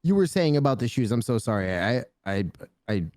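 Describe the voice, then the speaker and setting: A man's voice: medium pitch, sing-song, a little fast, a little mellow, no room sound, clean studio sound. A young man co-hosting a casual podcast, joking, swearing and wandering off on tangents. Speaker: podcast co-host. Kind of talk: casual chat.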